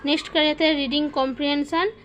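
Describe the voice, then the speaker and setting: A woman's voice: sits high, fairly even intonation, quick pace, slight background noise. A woman with an Indian accent teaching an English syllabus, patiently asking questions and answering them herself. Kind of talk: explanatory lesson in Hindi with English examples.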